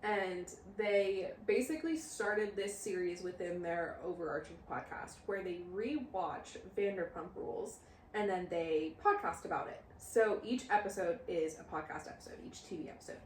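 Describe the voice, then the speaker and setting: A woman's voice: fairly low pitch, moderate pace, reverberant, slight background noise. A woman in her late twenties co-hosting a podcast in casual chat, talkative, giggly and teasing. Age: late 20s. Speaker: podcast co-host.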